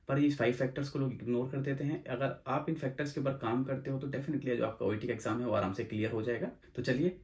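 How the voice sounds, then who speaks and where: A man's voice: mid-range voice, a little mellow. A young man who hosts his own channel, explaining exam tips in a casual, repetitive way and mixing in English phrases. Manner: rapid, repetitive, mixes English phrases into Hindi. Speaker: OET exam coach and channel host. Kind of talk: casual explanatory video talk.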